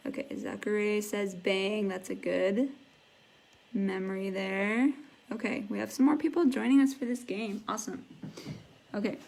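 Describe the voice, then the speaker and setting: A woman's voice: mid-range voice, gravelly, a little mellow, slight background noise. A woman teaching a live online English class, patiently explaining words and encouraging her students. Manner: patient, encouraging, imitates sound effects.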